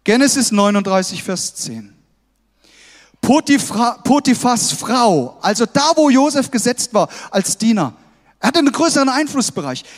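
A man delivers a sermon in a strikingly high voice, pressing his points with emphatic calls to the congregation. His words ring out with a long reverb from a large hall. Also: big pitch swings, moderate pace. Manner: emphatic, exhorting, with frequent "hey" calls to the congregation. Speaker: pastor.

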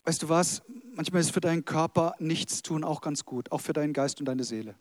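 High-voiced man preaching a sermon. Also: a little fast, dry recording. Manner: conversational, addresses the congregation directly with light humour. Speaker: pastor.

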